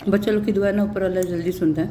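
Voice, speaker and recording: A woman in her forties with a slightly sore throat chats warmly to her viewers while eating, calling them "beta" like a motherly aunt. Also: medium pitch. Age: 40s. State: throat a little sore, clears it often. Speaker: vlogger. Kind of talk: casual chat while eating on camera. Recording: echoey room with faint background noise.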